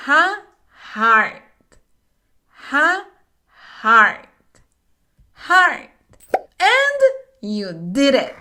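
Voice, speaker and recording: Bright high-voiced woman teaching pronunciation. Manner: repeats each word slowly and carefully, encouraging. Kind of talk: slow, clear pronunciation drill for learners.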